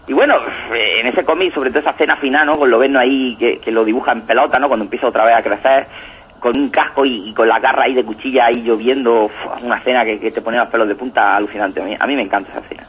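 Husky-voiced male radio commentator, eager and digressive. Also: mid-range voice, fast talker. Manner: enthusiastic, rambling, keeps tagging "¿no?". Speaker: comics reviewer on a radio show. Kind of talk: casual radio chat. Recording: tinny phone-like radio audio.

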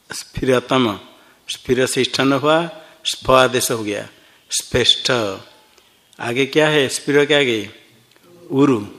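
Man, slow-paced, Sanskrit grammar teacher, explains step by step, quizzes students. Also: medium pitch, a bit bright. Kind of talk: classroom grammar lesson. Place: ashram classroom.

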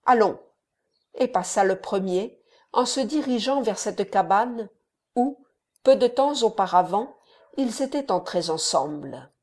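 A woman narrating a classic novel as an audiobook in a measured, even storytelling manner. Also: mid-range voice. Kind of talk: scripted narration.

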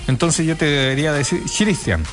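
A man's voice: fairly high pitch, brisk, soft background music. A man co-hosting a radio show, teasing his partner and giving time checks. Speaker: radio co-host. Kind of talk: casual radio chat. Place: radio studio.

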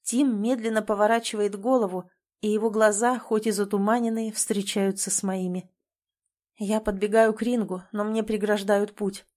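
A woman's voice: mid-range voice, steady tone, normal speed, darkish tone. A woman reading a tense first-person story aloud, with an emotional storytelling delivery. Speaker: audiobook narrator. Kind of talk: first-person audiobook narration.

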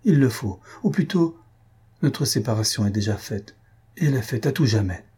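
A man's voice: mid-range voice, lively intonation, moderate pace, mellow, breathy edge. A man reading an audiobook, voicing an anguished young noblewoman with a solemn, pleading manner. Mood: sorrowful.

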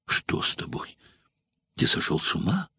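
A man's voice: lowish voice, lively intonation, measured pace, no echo. A man voicing a desperate young Roman noblewoman in love, pleading and close to sobbing. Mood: frightened pleading. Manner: pleading, on the verge of sobs.

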